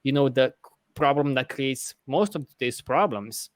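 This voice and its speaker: A man from Romania, arguing his point earnestly in a casual podcast discussion, often halting to rephrase. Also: mid-range voice, dry recording, studio quality. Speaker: podcast host.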